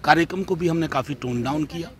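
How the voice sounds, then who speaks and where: A man's voice: on the high side, fast. A man, a party spokesperson giving a combative, sarcastic statement to reporters.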